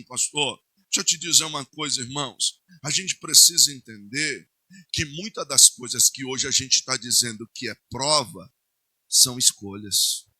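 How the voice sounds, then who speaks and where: A male pastor with a Brazilian Portuguese accent preaching a sermon, swinging between loud declarations and hushed asides. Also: fairly high pitch, slightly rough, dry recording.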